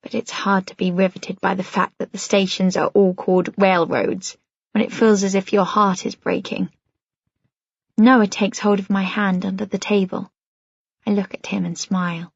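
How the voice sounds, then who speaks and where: A woman narrating a first-person audiobook in a measured, reflective way. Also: mid-range voice, little pitch movement, creaky, breathy edge, dry recording, lo-fi sound.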